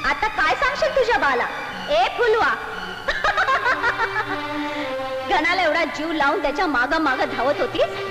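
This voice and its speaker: A bold, sly village woman with a taunting, rustic manner. Her voice is very high and swings widely in pitch. Film music plays behind her. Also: poor audio. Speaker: film character. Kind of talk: 1980s film acting. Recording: old film soundtrack with music.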